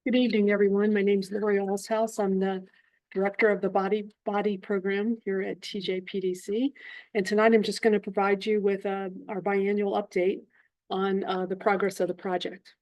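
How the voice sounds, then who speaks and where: A woman program director stands before a commission and presents an update. She explains figures patiently, one step at a time, and fills her pauses with ums and uhs. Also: medium pitch, level tone, darkish tone. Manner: explanatory, with frequent fillers. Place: public meeting room.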